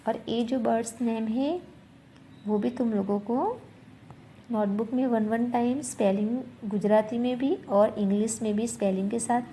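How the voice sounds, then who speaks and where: A woman's voice: on the high side, unhurried, mellow, a little hiss or hum. A woman teacher leading a revision lesson, spelling words letter by letter, repeating them and answering her own questions. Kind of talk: slow classroom revision lesson.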